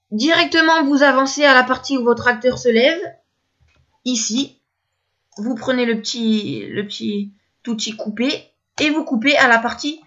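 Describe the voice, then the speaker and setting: A woman's voice: on the high side, a bit bright, highs cut off. A woman teaching video editing step by step, hesitant and repeating herself as she talks through each click. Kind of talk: screen-recorded editing tutorial.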